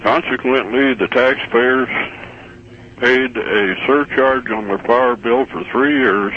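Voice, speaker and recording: A man's voice: medium pitch, slow. A man calling in to a talk radio show, skeptical and griping about city spending, heard as taped off the radio. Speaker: radio call-in listener. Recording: muffled radio tape with faint hiss.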